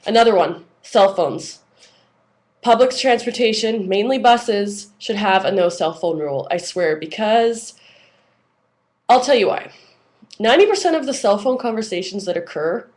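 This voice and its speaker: A young woman ranting casually about everyday annoyances in an exasperated, conversational and emphatic way. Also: mid-range voice. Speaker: vlogger.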